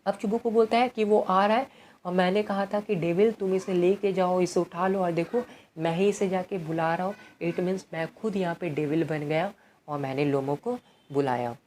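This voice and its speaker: A woman's voice: on the low side, steady tone, normal speed, a little mellow, slight background noise. A woman tutor explaining a play in Hindi, reading each line aloud and then explaining it conversationally. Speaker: English literature tutor.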